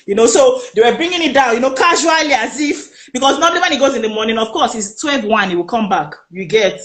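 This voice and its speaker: A woman with a Nigerian accent, a guest telling her personal story in an interview, animated and emphatic, acting out the voices of the people she quotes. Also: fairly high pitch, fast talker, echoey room. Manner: animated, emphatic retelling that acts out quoted speech.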